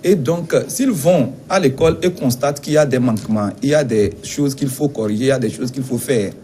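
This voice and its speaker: A man from Togo representing a teachers' union, answering interview questions in a measured, insistent way with some hesitations. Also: medium pitch, dark tone, slight background noise.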